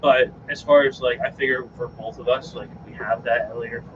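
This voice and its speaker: A man's voice: mid-range voice, steady tone, brisk, far from the mic, a loud crowd. A man playing a tabletop game, chatting casually and rambling through his plans. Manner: rambling, joking. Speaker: player. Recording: dull lo-fi recording with clear background noise.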